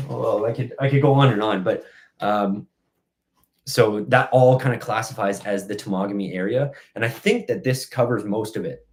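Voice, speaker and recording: Low-voiced man rambling through a casual live chat. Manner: rambling, stop-start explanations. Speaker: outdoor vlogger hosting a live Q&A. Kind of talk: casual live-stream chat, reading out and answering questions.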